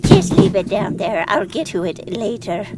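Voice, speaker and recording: A woman voicing a weary, always-hungry magic portal spirit with a slow, droning manner, with noise behind her. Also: medium pitch, very animated, lightly acted.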